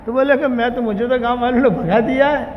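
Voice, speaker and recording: High-voiced male preacher in an echoey hall. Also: slight background noise. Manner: animated storyteller, voicing characters in dialogue. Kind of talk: storytelling sermon. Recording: dull, muffled recording in a large reverberant hall.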